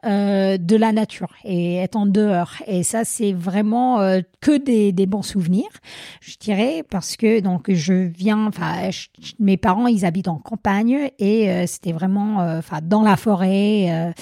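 A woman's voice: medium pitch, dark tone, dry recording. Woman, American accent, native English speaker, hesitant French, dry close sound. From Vermont, United States. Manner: hesitant, many fillers, laughs often. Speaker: guest, trail runner. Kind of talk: podcast interview.

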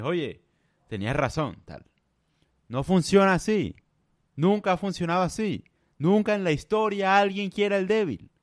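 A man's voice: mid-range voice, dry recording, studio quality. A man giving blunt, lecturing advice straight to the listener in a monologue. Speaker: advice vlogger. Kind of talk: monologue to camera.

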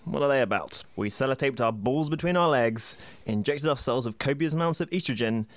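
A man's voice: mid-range voice, expressive, fairly quick, dry recording. A man co-hosting a podcast in casual, jokey chat, laughing often. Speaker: podcast co-host.

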